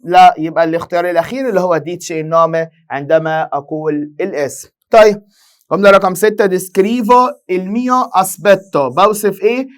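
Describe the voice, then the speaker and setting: Egyptian guy teaching exam prep super fast, high voice, asks and answers his own questions. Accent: Egyptian Arabic. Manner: drilling students with rhetorical questions and quick answers. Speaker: Italian language teacher.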